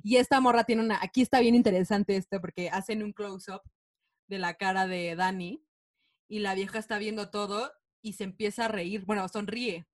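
A woman's voice: medium pitch, steady tone, normal speed. Chatty Mexican woman retelling a film. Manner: chatty storyteller, slangy with swearing. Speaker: podcast co-host. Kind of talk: casual film discussion.

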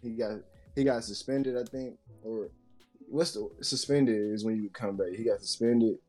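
A man's voice: mid-range voice, normal speed, a little mellow, soft background music. A young adult man co-hosting a podcast, telling a story in a loose, slangy, profane way full of fillers. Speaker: podcast co-host. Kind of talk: casual storytelling chat.

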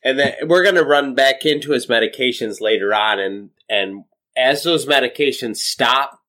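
A man's voice: medium pitch, normal speed, bright, forceful tone. A middle-aged man co-hosting a podcast, recapping a movie in a casual, rambling way with lots of swearing, fillers and restarts. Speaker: podcast co-host.

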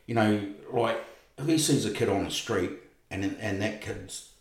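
An older man chatting casually on a podcast, halting and repeating words as he searches for phrases. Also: lowish voice, roomy sound.

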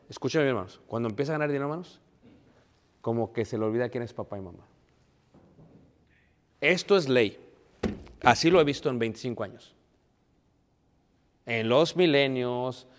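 A preaching man speaks to his congregation in a mid-range voice, dropping in English asides. His words ring out with the long reverb of a church hall. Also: mid-range voice. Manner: preachy, addresses congregation as brothers, mixes English phrases. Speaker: pastor. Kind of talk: sermon.

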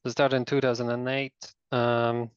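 A man's voice: mid-range voice, level tone, normal speed, clean tone, no echo, dull audio. A man from Latvia telling a story in a casual interview, rambling with many fillers and restarts. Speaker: guest.

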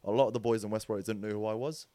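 A young man, a podcast guest telling rugby stories in a casual, animated way. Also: fairly low pitch, rapid-fire, no echo. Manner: animated storyteller, acts out quotes with jokes and laughs. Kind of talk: casual storytelling chat.

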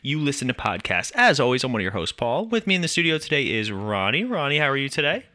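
A man's voice: medium pitch, very animated, quick pace, sharp tone. A man hosting a podcast in a casual, chatty style. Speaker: podcast host.

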